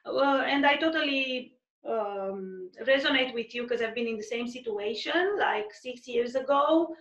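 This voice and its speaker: A woman's voice: high-pitched, expressive, unhurried, a bit bright. A woman host with a non-native accent, encouraging and reflective in a casual interview. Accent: foreign, non-native English. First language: not English. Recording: echoey, dull lo-fi sound.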